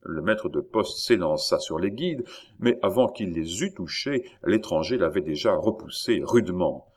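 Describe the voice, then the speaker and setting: Expressive male narrator, low voice. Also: normal speed. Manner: dramatic, varied phrasing. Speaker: audiobook narrator. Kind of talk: expressive literary reading.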